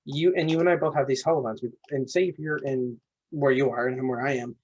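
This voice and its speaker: An eager man rambles through a casual podcast chat at a rapid clip, restarting his sentences as he goes. His voice is husky, and the recording sounds dull and lo-fi. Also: mid-range voice, steady tone, a little mellow. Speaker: podcast co-host.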